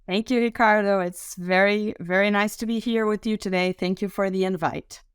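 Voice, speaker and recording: A middle-aged Brazilian woman with a Brazilian Portuguese accent, a podcast guest talking in a relaxed, thoughtful way with many ums. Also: medium pitch, moderate pace, smooth, no echo, clean studio sound. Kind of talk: podcast interview.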